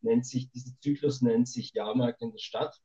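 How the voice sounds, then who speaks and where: A man's voice: mid-range voice, steady tone, moderate pace, dark tone. Man on a dull satellite call line. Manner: rambling and thoughtful, many hesitations. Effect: remote satellite call line, dull lo-fi sound. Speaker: author being interviewed. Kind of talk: remote podcast interview.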